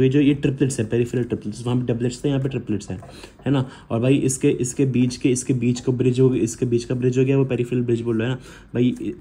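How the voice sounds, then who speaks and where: A man's voice: mid-range voice, warm tone, slight background noise. A young man from India, casually explaining biology for revision in a chatty way and often calling the listener brother. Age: young adult. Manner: chatty, calls listener bhai constantly, counts aloud. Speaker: student making revision videos. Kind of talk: casual lesson.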